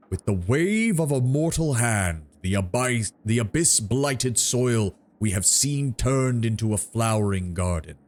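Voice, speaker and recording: Man playing a slow, solemn ancient treant. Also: on the low side, a little mellow. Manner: grandiose, ponderous oratory. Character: ancient gnarled male treant guardian, solemn and grandly formal. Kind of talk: fantasy game dialogue read aloud.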